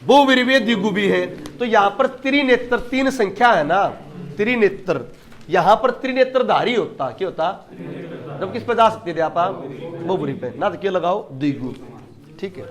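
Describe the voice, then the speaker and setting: A man's voice: high voice, animated, moderate pace. A man teaching an exam-prep class, emphatic, asking questions and answering them himself.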